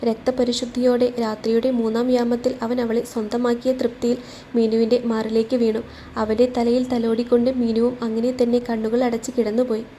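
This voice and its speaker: Female storyteller for a romance story; mellow, flat, slightly high voice; faint background noise. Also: brisk. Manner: voices every character in her own voice. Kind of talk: scripted narration of a romance story.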